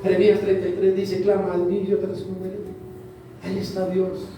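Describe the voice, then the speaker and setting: A man's voice: high-pitched, monotone, brisk, dull audio, background noise. A man preaching a sermon to his congregation, repeating phrases for emphasis. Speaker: pastor. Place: church hall. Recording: very echoey church hall, voice from a distance.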